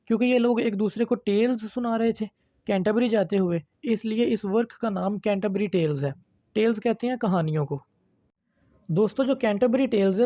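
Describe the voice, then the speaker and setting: Mellow-voiced patient online lecturer. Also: medium pitch, no echo, highs cut off. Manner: patient step-by-step explaining, addresses viewers as friends. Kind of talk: explanatory video lecture.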